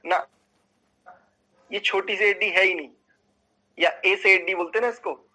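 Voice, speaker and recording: Slow deliberate male Sanskrit teacher. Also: high-pitched, bright, forceful tone, poor audio. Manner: slow, deliberate, drawn-out chanting of syllables. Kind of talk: online class lecture with mantra recitation.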